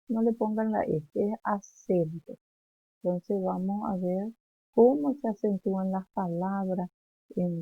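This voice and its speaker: A woman from Paraguay teaching a primary school lesson, speaking slowly and haltingly, with many fillers and restarts. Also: medium pitch, vocal fry, dry recording. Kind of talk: classroom lesson. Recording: tinny phone-like line.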